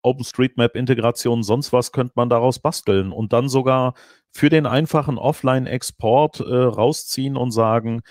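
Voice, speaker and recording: A middle-aged man on a headset, answering questions at an online conference, animated but full of hesitations and restarts. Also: medium pitch, moderate pace, no echo, studio quality. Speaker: keynote speaker. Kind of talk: conference Q&A over video call.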